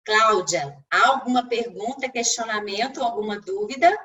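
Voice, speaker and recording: A woman's voice: fairly high pitch, normal speed, sharp tone, recorded from a distance, poor audio. Woman giving a friendly Zoom talk. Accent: Brazilian Portuguese. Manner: didactic, inviting, addresses listeners directly. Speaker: speech therapist and communication mentor. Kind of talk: live video-call talk. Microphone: video call.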